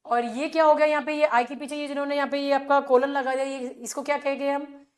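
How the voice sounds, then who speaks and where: A woman's voice: sits high, little pitch movement, fast. A woman with an Indian accent teaching an exam revision class, explaining with rhetorical questions and repeated filler phrases. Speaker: English teacher.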